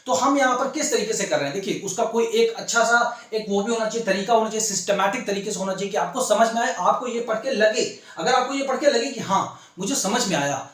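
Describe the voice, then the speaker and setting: A man's voice: high-pitched, expressive, brisk, few pauses, a bit bright. A man who speaks Hindi and English with an Indian accent, teaching an online English lesson and coaxing his students, who speak Hindi, with constant check-ins. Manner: coaxing, keeps adding "ठीक है ना?". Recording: very echoey room.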